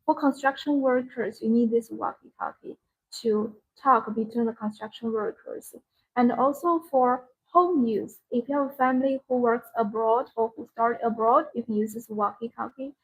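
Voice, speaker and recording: A woman whose first language isn't English leads a live-stream sales demonstration at normal speed, using simple, often-repeated phrases. Her voice is high-pitched and creaky with a husky edge, and the recording is low in quality.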